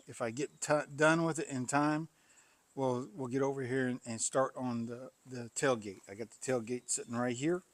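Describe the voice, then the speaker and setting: A man, a pastor who welds, chatting casually and rambling in his workshop, sighing and coughing between thoughts. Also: mid-range voice. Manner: rambling, folksy, frequent sighs and coughs. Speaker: pastor and welder, channel host. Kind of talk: casual shop vlog.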